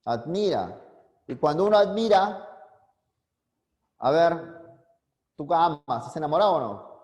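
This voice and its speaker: Man, philosophy teacher, high voice, mellow tone, keeps asking questions. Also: sing-song, measured pace. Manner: questions students constantly, coaxing answers. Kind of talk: online class lecture. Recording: long reverb, echoey room.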